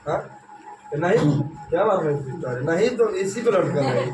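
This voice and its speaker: A man's voice: a little high, animated, measured pace, recorded from a distance. A man teaching a classroom grammar lesson, quizzing the students with repeated questions. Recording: echoey classroom with noise.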